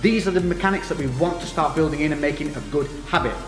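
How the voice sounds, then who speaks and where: A man's voice: fairly high pitch, quick pace. A man giving encouraging, informal step-by-step boxing instruction as a fitness coach during a workout demonstration. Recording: echoey reverberant room with music.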